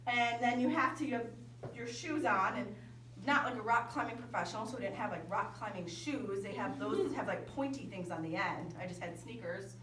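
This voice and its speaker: A woman camp speaker telling a story in a lively sermon to young people. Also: medium pitch, moderate pace, slight background noise. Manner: lively, animated storytelling with quoted dialogue. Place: large indoor hall at a winter camp. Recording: echoey hall from far off.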